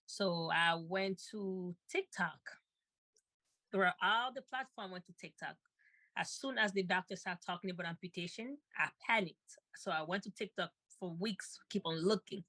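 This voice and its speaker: A woman's voice: fairly low pitch, a bit bright, no echo. A woman co-host telling a personal story with feeling, often repeating herself and laughing lightly.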